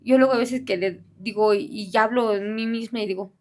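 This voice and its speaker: A middle-aged woman speaking in a halting, soft-spoken way, with many fillers and restarts, as a bereaved mother giving an interview. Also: a little high. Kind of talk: personal testimony in an interview.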